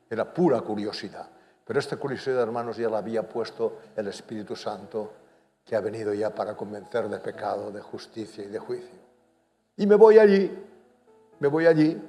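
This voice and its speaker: An older man, preaching a sermon and sharing his testimony, growing emphatic on key points. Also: darkish tone. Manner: emphatic, rises in pitch and volume on key points. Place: church hall. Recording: long church reverb.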